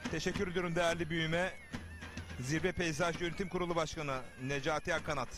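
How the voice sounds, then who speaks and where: Tv wrestling commentator guy, high voice, short emphatic phrases, talking to viewers, music going behind him. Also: fairly even intonation, fast. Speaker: TV sports commentator and host. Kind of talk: live wrestling commentary, reading viewer messages.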